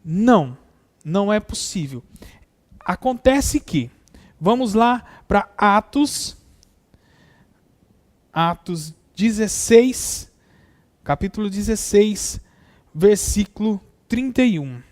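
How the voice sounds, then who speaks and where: A man preaching a sermon, reading scripture aloud and repeating verses, stretching key words and hitting them with sudden loud stresses. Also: high-pitched, lively intonation, slow, long pauses.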